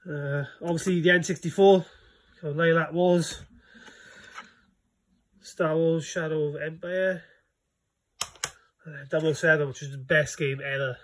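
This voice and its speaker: Holding his phone camera, a young Welsh vlogger wanders through his small indoor games room, chatting loosely with lots of fillers. His pitch is fairly high and his tone steady, and he speaks a little slowly, leaving long pauses.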